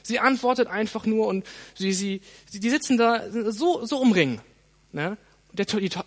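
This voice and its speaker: A man gives a sermon in a voice that sits high, speaking right to his audience. He uses "hey" and "ne?" often, and his delivery is animated and varied.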